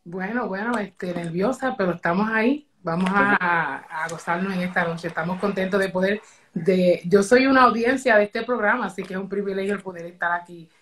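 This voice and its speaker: A woman's voice: medium pitch, a little fast, a bit bright, slight background noise. A woman guest giving her faith testimony in a live online interview, speaking earnestly with church phrasing and tag questions.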